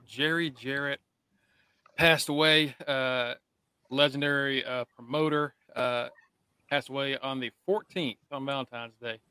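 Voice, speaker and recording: A man's voice: mid-range voice, sharp tone, clean tone, no echo. A male podcast co-host talking in a casual, conversational style. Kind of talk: casual chat.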